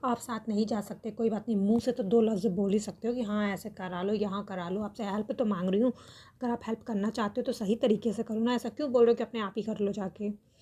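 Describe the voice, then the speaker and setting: Speaking fast in a mellow, medium-pitched voice with a breathy edge and a steady tone, a woman hosts a reaction video. She comments earnestly on a family controversy for her viewers, often repeating phrases for emphasis.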